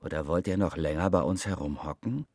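An actor playing a burly, gruff cook in a radio drama, jeering and wheedling at once. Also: male voice, deep voice, brisk, a little mellow, no room sound, clean studio sound.

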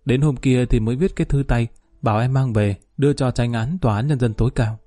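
A man voicing a brash, teasing young woman who talks quickly and confidently. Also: mid-range voice, mellow, close to an everyday voice. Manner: quick, teasing, self-assured.

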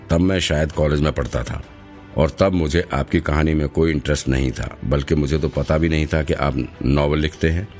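A man voicing a nervous young killer fan. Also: very deep voice. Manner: nervous, eyes down, quiet.

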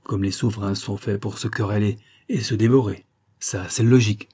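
A man reading an audiobook, voicing a cheerful, excitable one-armed worker who talks eagerly. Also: fairly low pitch, normal speed, husky. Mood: earnest. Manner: exuberant, cheerful, talkative. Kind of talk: audiobook character voice.

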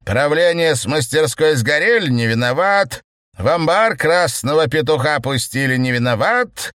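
A man doing a furious shouting party boss. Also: a little high, lively intonation, moderate pace, no echo, clean studio sound, pitched above the performer's own voice. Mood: sarcastic. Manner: shouting, interrogating harshly. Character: angry, commanding male party secretary.

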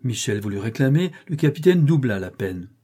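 Male audiobook narrator, warm and a little breathy, theatrical delivery. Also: mid-range voice, a little fast. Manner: expressive, theatrical reading. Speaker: audiobook reader. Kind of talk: literary story narration.

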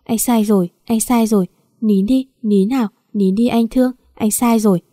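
Woman reader doing a gentle young man, murmured comfort, warm and dry. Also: a little high, steady tone, moderate pace, no room sound, natural voice. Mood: tender, apologetic. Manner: soothing, repetitive murmuring. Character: young man softly apologizing, tender.

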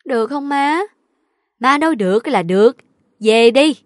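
A woman's voice: sits high, expressive, unhurried, no room sound, clean studio sound. A woman voicing a domineering, scheming middle-aged mother who scolds her daughter. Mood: scolding. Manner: bossy, scolding.

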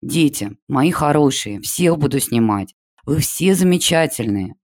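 A man's voice: on the high side, animated, a little slow, a little mellow, pitched above the performer's own voice. An eager woman teacher, as a male narrator plays her fusses and coaxes in a lifted, gushing voice. She sweet-talks her class in a storybook reading. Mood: coaxing. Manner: coaxing, gushing.

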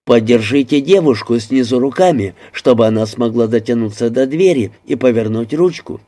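A man's voice: medium pitch, moderate pace, warm tone, natural voice. A man voicing a dry, sardonic American man keeping his wits in a crowded toilet. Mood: wry.

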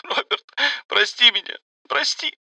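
A man reading an audiobook, voicing a young woman who squeaks through tears and snaps in anger. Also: expressive, moderate pace, dry recording, heavily acted. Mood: tearful. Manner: sobbing, high and squeaky, turning sharp. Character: young woman Sveta, tearful then angry. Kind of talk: audiobook narration with voiced dialogue.

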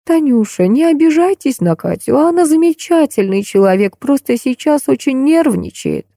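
A woman voicing a frail, gentle elderly woman who speaks in a faint, rustling, trembling voice, tired and pleading. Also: sits high, animated, normal speed, creaky, no echo, clean studio sound, voice pushed up. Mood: weary. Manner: tired, pleading, soft-spoken. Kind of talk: audiobook character voice.

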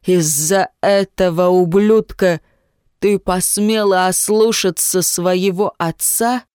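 A woman voicing a domineering, contemptuous mayor who rages at his daughter, speaking slowly and menacingly. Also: fairly low pitch, steady tone, darkish tone, clear, resonant tone, no room sound, studio quality. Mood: furious contempt. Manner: slow, menacing, snarling through teeth. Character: domineering, contemptuous male mayor, a stern father.

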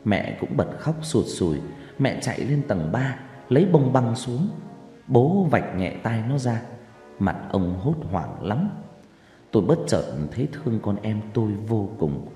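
A male storyteller reads a horror tale with a lively, swinging delivery. His pitch rises and falls widely through every line. His voice rings with long reverb, and faint music plays beneath it. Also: measured pace. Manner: expressive, with wide pitch swings. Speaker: audiobook narrator. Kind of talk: dramatic horror story narration.

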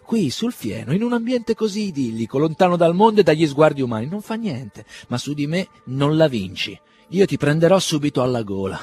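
A man voicing a blunt, scornful young man with a mocking, cutting way of talking, raised and louder than his reading voice. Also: on the high side, very animated, fairly quick, hardly any pauses, faint music behind, voice pushed up.

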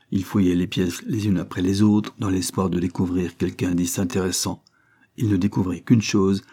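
A man reading an adventure novel aloud as narrator in a measured, dramatic way. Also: low-pitched, dark tone, slightly rough. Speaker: audiobook narrator.

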